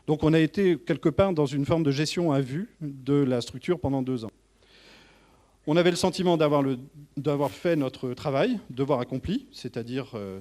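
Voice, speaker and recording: Presenting informally to his colleagues, a man who manages a tourist office stumbles along with many false starts. He has a medium-pitched voice with a dark tone.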